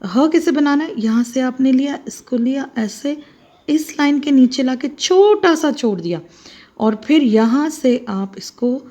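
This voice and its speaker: A middle-aged Hindi teacher with a slightly high, dark-toned voice gives children a handwriting lesson. She spells out each letter one at a time, explaining patiently as she goes.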